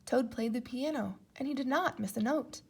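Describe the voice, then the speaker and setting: A woman reading a children's storybook aloud as an expressive narrator. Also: high-pitched, normal speed, breathy edge. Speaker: storybook reader.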